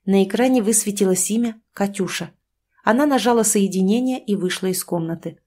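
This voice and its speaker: A woman's voice: mid-range voice, fairly quick, a little mellow. Woman narrating an audiobook. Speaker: audiobook reader. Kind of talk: scripted narration.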